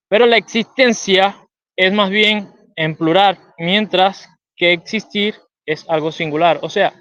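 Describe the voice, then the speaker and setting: A man from Venezuela with a Venezuelan accent, a guest calmly explaining a philosophical idea in conversation. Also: sits high, dry recording, highs cut off.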